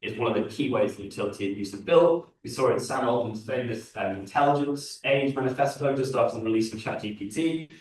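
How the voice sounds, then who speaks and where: A man's voice: mid-range voice, quick pace, hardly any pauses, a little mellow. A man with a London accent giving a conference talk as a design researcher, earnest and thinking aloud with fillers and restarts. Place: large lecture hall. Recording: very echoey hall from far off.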